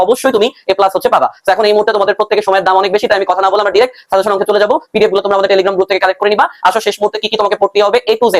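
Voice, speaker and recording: A young man teaching a brisk online exam-prep lesson, repeating his points and mixing English words into his speech. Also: sits high.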